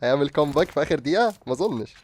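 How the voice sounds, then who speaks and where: Young Egyptian man, gaming commentary, fast and lively pitch, excitable, exclaiming. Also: a little hiss or hum. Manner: excitable, exclaiming, laughing often. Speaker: gaming streamer. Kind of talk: live gameplay commentary.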